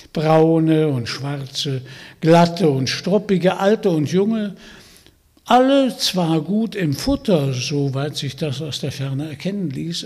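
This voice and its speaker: A man reading a fairy tale aloud, in a slow and expressive storytelling manner. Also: fairly high pitch, slightly rough. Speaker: narrator. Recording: long hall reverb.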